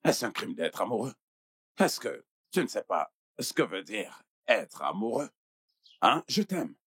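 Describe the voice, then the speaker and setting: A man's voice: fairly low pitch, very animated, measured pace, a bit bright, breathy edge, no room sound, clean studio sound, exaggerated voice. An actor dubbing a wealthy middle-aged businessman chief who coaxes and pleads, repeating himself with tag questions. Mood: coaxing. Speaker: dub actor. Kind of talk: dubbed film acting.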